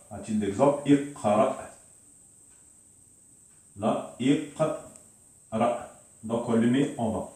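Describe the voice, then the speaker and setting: A man's voice: mid-range voice, mellow. A man teaching a beginners' Arabic lesson, explaining patiently and repeating himself with many hesitations. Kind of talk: beginner language lesson at a whiteboard. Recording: very echoey room, mic far off.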